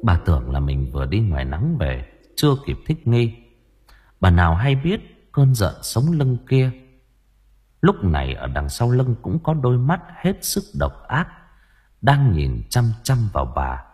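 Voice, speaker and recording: Brief: male audiobook narrator, low and husky, animated storytelling. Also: a little slow. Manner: expressive, dramatic storytelling.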